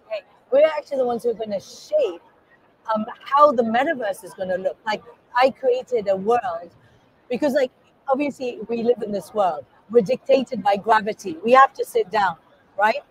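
A woman's voice: a little high, moderate pace, husky, poor audio. A middle-aged woman from Kenya, talking enthusiastically as an interview guest at an indoor expo booth. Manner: animated, enthusiastic, gesturing while talking. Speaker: guest artist. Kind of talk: casual interview.

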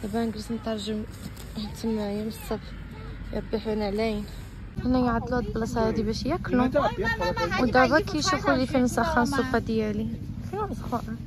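A woman's voice: on the high side, fast, a loud crowd. A woman in her twenties with a Moroccan Arabic accent, chatting casually into a phone held at arm's length while vlogging outdoors. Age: 20s. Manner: chatty, switching into English phrases. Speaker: travel vlogger. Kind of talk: casual vlog narration. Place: campsite and street market outdoors in China. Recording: loud background music.

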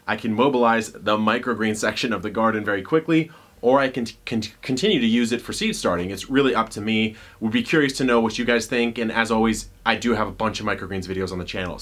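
A man's voice: on the low side, dry recording. A man in his thirties hosting a casual garden tour vlog, talking straight to a camera held close to his face, chatty and upbeat. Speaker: gardening channel host. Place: outdoor front and side yard garden by a street, then a garden shed. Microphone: handheld camera close to face. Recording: outdoor street noise audible.

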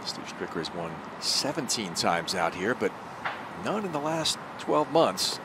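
Measured male golf commentator. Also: on the low side, big pitch swings, heavy background noise. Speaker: golf commentator, lead announcer.

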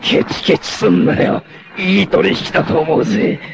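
A male actor playing a battered, defiant free-spirited warrior in a 1980s anime, cocky, rough-spoken and theatrical, with a gravelly, strained voice. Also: high voice, steady tone, normal speed. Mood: fierce taunting. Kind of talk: dramatic 1980s anime acting. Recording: noisy old anime soundtrack clips.

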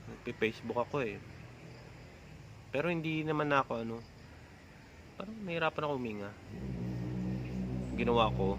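A man's voice: medium pitch, background noise. A man talking casually to his audience in a vlog, rambling, with many filler tags at the ends of his phrases. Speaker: vlogger. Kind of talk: casual talk to camera.

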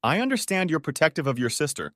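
A man playing a gentle groom who keeps his words polite and restrained. The voice still moves a lot in pitch, recorded close and dry. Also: sing-song, fast, no echo.

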